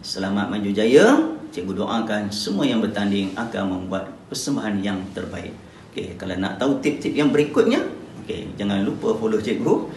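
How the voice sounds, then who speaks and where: A man with a Malaysian Malay accent, a teacher giving spoken tips to pupils, animated and showing how to use his voice. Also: lowish voice, moderate pace. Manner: animated, demonstrates speech intonation. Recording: roomy, distant mic, faint ambient noise.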